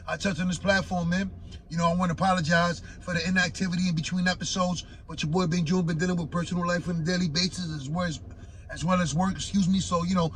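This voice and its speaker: A man hosting his own sports talk show, with a raspy voice and a laid-back, conversational delivery full of fillers. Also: high voice, fairly bright tone, slight background noise. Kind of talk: casual sports commentary. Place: home in Florida.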